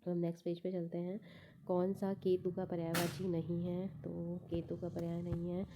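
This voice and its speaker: A woman's voice: fairly low pitch, monotone, moderate pace, noisy background. A woman teaching exam prep, going through test answers one by one, repeating each answer and thinking aloud with fillers.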